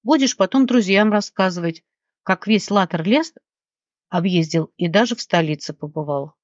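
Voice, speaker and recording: A woman reading an audiobook and voicing a kind, quick-tempered young heroine who speaks earnestly and consolingly. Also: on the low side, animated, no room sound, natural voice. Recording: dull, dry lo-fi recording.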